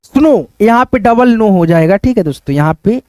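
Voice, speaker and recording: A man teaching English pronunciation, spelling words out letter by letter and then saying them slowly, with the same friendly filler phrases over and over. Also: sits high, expressive, dark tone, no echo. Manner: repetitive, keeps saying "okay friends" and "look here".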